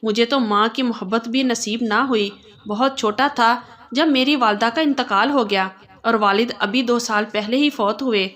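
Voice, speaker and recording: A woman reads the part of an earnest blind young man, gentle and affectionate, who pleads softly. The voice sits fairly high, and it has the plain tone of a storyteller narrating a tale. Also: close to an everyday voice. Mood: wistful.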